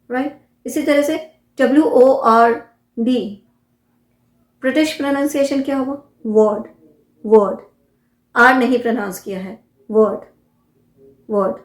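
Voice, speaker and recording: A woman teaching English pronunciation, spelling out words letter by letter and repeating each one slowly. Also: fairly high pitch, reverberant. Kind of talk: pronunciation lesson.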